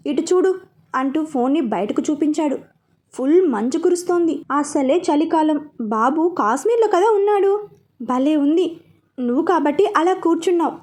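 A woman's voice: high-pitched, darkish tone. A woman reading a romance story aloud, narrating and voicing every character herself.

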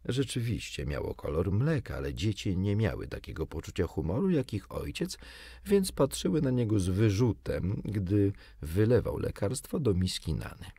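Deep, husky-voiced male storyteller. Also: moderate pace, no room sound, clean studio sound. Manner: expressive, dramatic reading. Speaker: audiobook narrator. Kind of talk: scripted storybook narration.

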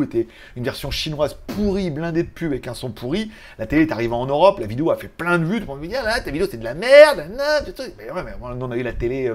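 A man's voice: medium pitch, a little mellow. A man hosting a casual tech news vlog, rambling in a chatty way with joking asides. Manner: chatty, joking asides, laughs at own jokes.

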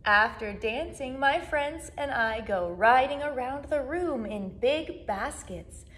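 Seated in a small, plain indoor room, a children's music educator in her twenties reads a story aloud to young children. Her high-pitched delivery is animated and sing-song, with drawn-out words.

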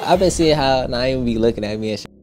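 A man's voice: medium pitch, expressive, quick pace. A man in a reality show confessional, talking in boastful, laid-back slang. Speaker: reality show cast member. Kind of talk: confessional interview. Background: music.

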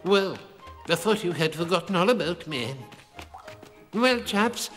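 A genial, wordy captive chatters quickly. His voice sits fairly high. It has a long, reverberant hall sound. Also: lively intonation, a bit bright, faint music behind. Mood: wry.

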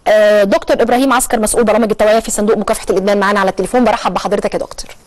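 A woman with an Egyptian accent hosting a televised current-affairs show, explaining at length with frequent drawn-out hesitations. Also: medium pitch, steady tone. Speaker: TV talk show host.

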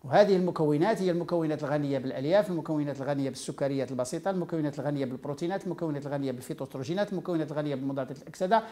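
A Moroccan man teaching about food and health at a very rapid clip. His voice is dark and mellow, and he explains by running through lists item after item. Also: on the high side. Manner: explains by listing items one after another. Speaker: nutrition educator. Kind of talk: informal health lecture.

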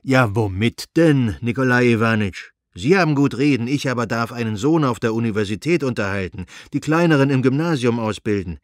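Man reading as a blunt old-fashioned landowner, gruff, scornful, dry close sound, storybook reading. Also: medium pitch, expressive, fairly quick, hardly any pauses, no room sound, lightly acted. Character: gray-moustached male landowner, blunt and reactionary.

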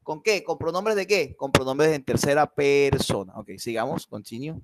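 A man's voice: a little high, moderate pace, background noise. A man teaching a live online English class, switching between Spanish and English and checking in with his students.

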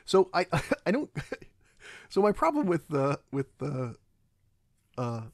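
A man's voice: fairly high pitch, wildly swooping pitch, vocal fry, no echo. A man giving a casual, rambling film commentary, often stopping and restarting his sentences. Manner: halting and rambling, many restarts.

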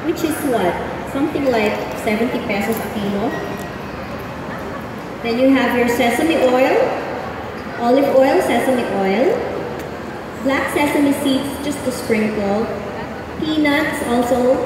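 A woman's voice: sits high, noisy background. A middle-aged woman from the Philippines giving a live cooking demonstration, explaining each step and chatting with the audience. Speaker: chef doing a cooking demo. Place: large indoor mall event stage. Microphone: far camera in the audience. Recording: echoey hall recorded from far off.

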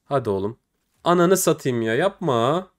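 Excitable young man narrating case openings. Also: mid-range voice, moderate pace. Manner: excitable, swears and groans at bad drops. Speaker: gaming video host. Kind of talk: casual case-opening commentary.

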